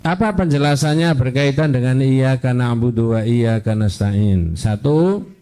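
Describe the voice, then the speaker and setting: An older man teaching a women's religious class in a mosque, quizzing listeners and reciting Arabic phrases slowly. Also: mid-range voice, warm tone. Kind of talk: interactive religious lesson. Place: mosque hall.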